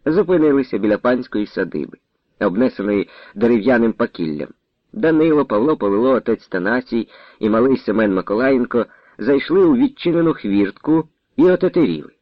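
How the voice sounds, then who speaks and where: A man reading a historical novel aloud as narrator, with an expressive storytelling manner. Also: medium pitch, brisk, dry recording, highs cut off. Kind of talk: audiobook reading.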